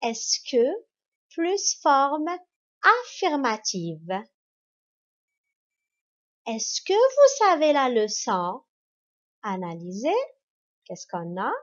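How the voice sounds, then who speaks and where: A woman teacher giving a grammar lesson to children, speaking in a slow, spelled-out and encouraging way. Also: fairly high pitch, wildly swooping pitch, a bit bright. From Morocco. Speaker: primary school teacher. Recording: dull lo-fi recording.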